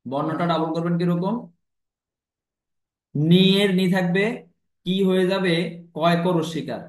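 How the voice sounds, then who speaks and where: Male teacher, patient step-by-step explainer, slightly high pitch. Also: a little mellow, roomy sound. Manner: patient, repeats each step slowly. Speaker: language teacher. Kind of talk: explanatory lesson.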